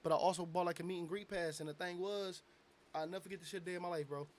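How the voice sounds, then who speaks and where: A young man, a bit drunk, telling a long animated story in a casual interview, full of slang and swearing. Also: high voice, fast talker, slight background noise. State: tipsy. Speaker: guest, aspiring rapper.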